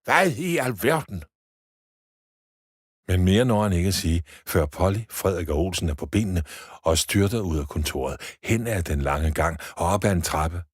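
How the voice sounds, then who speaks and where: Low husky male storyteller. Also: darkish tone, dry recording, clean studio sound. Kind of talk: scripted children's story narration.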